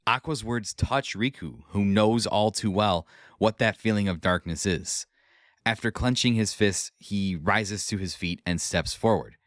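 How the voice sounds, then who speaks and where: Dry, low-voiced man recapping a story. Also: unhurried, fairly bright tone, no room sound. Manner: conversational asides in a scripted read. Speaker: podcast host. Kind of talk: scripted story recap narration.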